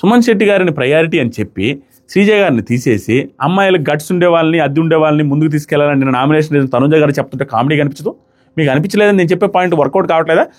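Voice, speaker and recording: Fast-talking man reviewing a reality show. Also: fairly high pitch. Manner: rapid, animated commentary, quoting others in passing. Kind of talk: casual spoken review.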